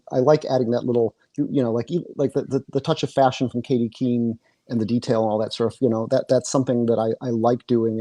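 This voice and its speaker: A man's voice: medium pitch, warm tone, no echo. A middle-aged man from Michigan, a comic artist guest on a video-call interview, talking casually with many restarts and repeated words. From Michigan, USA. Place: home room with bookshelves.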